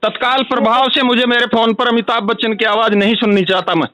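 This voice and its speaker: An angry man complaining loudly on a recorded phone call. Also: very high-pitched, steady tone, fast talker. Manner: furious, ranting, repetitive. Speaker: angry caller.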